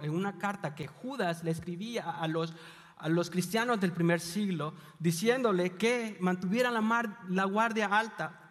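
Male pastor from El Salvador, high register; chatty, confiding sermon delivery; long hall reverb. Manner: conversational, confiding, with light humor. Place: church hall.

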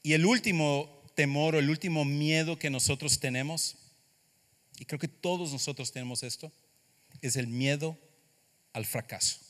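A male pastor delivers a sermon with an emphatic manner. He repeats key phrases and slows down to stress them. His voice sits a little high and sounds bright and sharp, and a long hall reverb trails behind him. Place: church hall. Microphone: handheld or stand microphone.

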